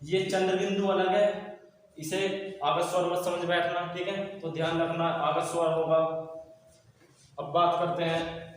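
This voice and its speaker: A man's voice: high voice, level tone, slight background noise. Echoey Hindi teacher man at a board. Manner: explains slowly, repeats points for students to write. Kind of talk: classroom lecture. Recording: echoey room from far off.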